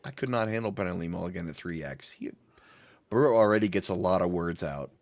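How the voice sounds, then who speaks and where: A man hosting a casual podcast chat, relaxed with playful asides. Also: deep voice, fast talker, no echo. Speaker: podcast host.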